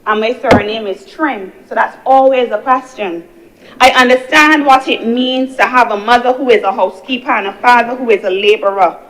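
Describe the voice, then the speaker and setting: A woman's voice: a little high, fairly bright tone, rough recording. A young woman giving an earnest parliamentary speech as a senator, building her points through repeated phrases. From Barbados. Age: young adult. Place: senate chamber.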